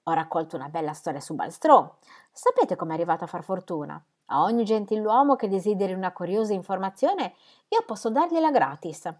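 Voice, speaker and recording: A woman's voice: mid-range voice, very animated, brisk, darkish tone. A woman voicing a boastful, sarcastic male horse dealer who gossips with bluster.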